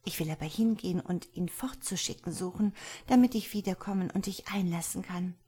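A woman's voice: on the low side, a little fast, dark tone, husky. Woman voicing a mocking noble lady. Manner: teasing, sly, mock sweetness. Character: scornful noble lady mocking a freezing suitor.

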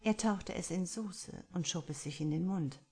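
A woman reads a story aloud in a calm, even manner, with a somewhat low voice. Her narration is steady and unhurried. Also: slightly rough. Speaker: audiobook narrator. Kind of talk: scripted narration.

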